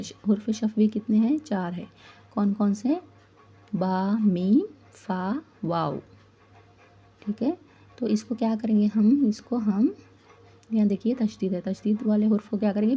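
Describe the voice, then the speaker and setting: A woman's voice: mid-range voice, warm tone, slightly rough, lo-fi sound. A woman teaching Quran recitation rules, who asks her listeners questions and then answers them herself, explaining patiently. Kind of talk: tajweed lesson.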